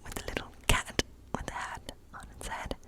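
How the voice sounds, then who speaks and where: A kindly witch reading tarot in her woodland cottage is portrayed by an ASMR performer who whispers gently and breathily. She speaks slowly, with calm, soothing reassurance throughout.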